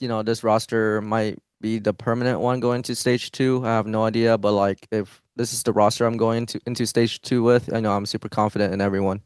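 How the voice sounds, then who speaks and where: A young man, a pro esports player, gives post-match interview answers in a lowish, smooth voice. He sounds hesitant, with lots of fillers and restarts, and the recording is clean studio sound with no echo.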